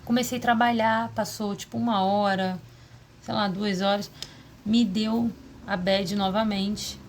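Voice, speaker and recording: A woman talking casually in a diary vlog, confessional and rambling, with quick asides to herself. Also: mid-range voice, steady tone, a little hiss or hum. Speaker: vlogger.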